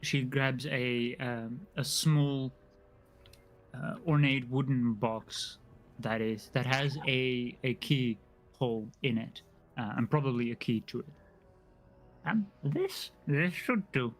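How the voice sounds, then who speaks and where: A man acting as game master in a tabletop role-playing game, speaking hesitantly with many pauses and restarts while voicing a shopkeeper. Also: mid-range voice, poor audio. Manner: hesitant, lots of ums and restarts.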